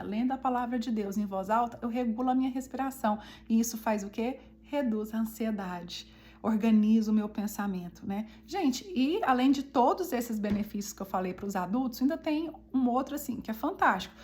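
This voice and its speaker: A woman with a Brazilian Portuguese accent giving a conversational devotional teaching. She often checks in with her listeners and slows down to stress key points. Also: on the high side, a little mellow. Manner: chatty, often asks the listeners "né?" and calls them "gente".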